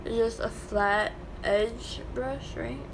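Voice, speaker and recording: Her voice is a little high and steady, and she speaks slowly, her new tongue piercing giving her a slight lisp. The young woman, a makeup vlogger, chats casually through a tutorial from a small home bedroom, and the recording carries clear room noise.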